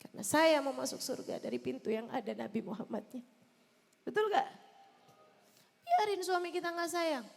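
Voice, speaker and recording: A woman preaches in a big, reverberant hall. She talks straight to the wives in the room, hitting some lines loud and sinking others into soft pleading. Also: high-pitched, animated, moderate pace, vocal fry, pauses often. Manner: impassioned, addressing wives directly, swinging between loud emphasis and soft pleading. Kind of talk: sermon. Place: large hall at a religious celebration.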